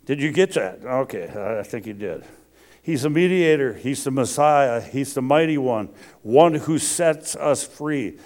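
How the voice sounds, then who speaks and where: A man in his sixties preaching a sermon, animated, calling out questions to the congregation and building rhythmic lists. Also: medium pitch, a little slow. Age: 60s. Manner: repetitive, rhythmic listing.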